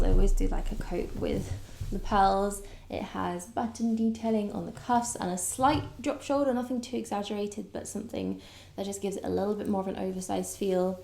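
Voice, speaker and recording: A woman's voice: mid-range voice, creaky, darkish tone. A woman vlogger chatting casually and enthusiastically to camera about her clothes. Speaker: fashion vlogger. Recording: echoey room with faint noise.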